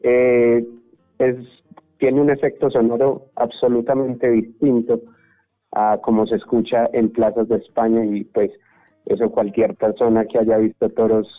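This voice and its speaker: A Colombian man with a Colombian Spanish accent, explaining his point in a measured way during a radio panel discussion. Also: fairly low pitch, level tone, faint music behind. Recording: phone-like radio line.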